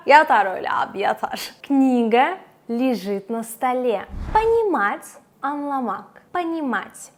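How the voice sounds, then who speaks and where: A young woman teaching vocabulary, drilling words in a clear, slowed-down way with light asides. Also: a little high. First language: Russian. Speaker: Russian language teacher. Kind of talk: vocabulary lesson with slow repeated examples.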